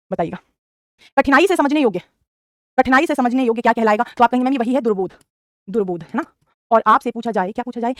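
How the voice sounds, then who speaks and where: Fast-talking Hindi teacher woman. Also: a little high, dry recording, clean studio sound. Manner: drills answers by asking and repeating them; calls students beta. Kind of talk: live online class.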